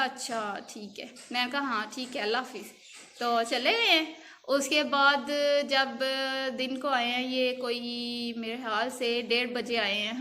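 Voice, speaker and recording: A woman's voice: fairly high pitch, pushed and bright, a little hiss or hum. A young woman vlogger telling a long personal story in a casual, emotional, rambling way, often repeating herself.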